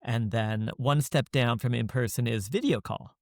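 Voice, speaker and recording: A man hosting a podcast, speaking in a measured way and laying out his ideas step by step. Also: mid-range voice, no room sound, studio quality. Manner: measured, explains in orderly steps. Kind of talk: casual conversation.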